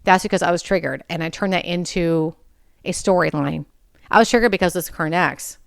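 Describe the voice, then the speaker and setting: A woman's voice: lowish voice, a little fast, vocal fry, clear, resonant tone, no echo, clean studio sound. A woman in her forties hosting a personal podcast, talking in a candid, blunt way and swearing freely. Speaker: podcast host.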